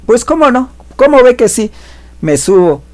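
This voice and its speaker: A man voicing an eager, reckless young boy hero in a retold story, talking with excited bravado. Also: on the high side, brisk, voice pushed up, lightly acted. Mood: cocky.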